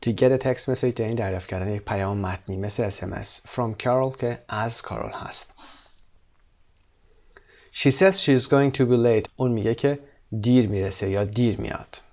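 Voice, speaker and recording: A man teaching an English textbook lesson. He reads the English sentences slowly and carefully, then explains them in quick translation. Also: lowish voice, darkish tone. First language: Persian.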